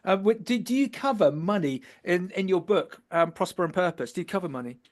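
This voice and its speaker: A man's voice: sits high, animated, brisk. A male host in a casual interview, talking with frequent fillers and restarts. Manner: hesitant, many restarts and fillers.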